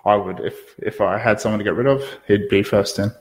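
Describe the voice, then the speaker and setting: A man's voice: fairly low pitch, fairly even intonation, a little fast, rough recording. A man on a sports podcast, laconic with dry humour. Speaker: podcast co-host. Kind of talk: casual sports podcast chat.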